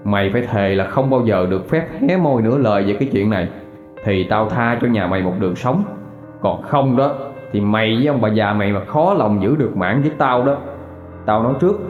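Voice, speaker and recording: A man's voice: lowish voice, animated, a little fast, lightly acted. A man voicing a stern older father who gives threatening orders, in a storybook reading. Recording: roomy, dull recording with faint music.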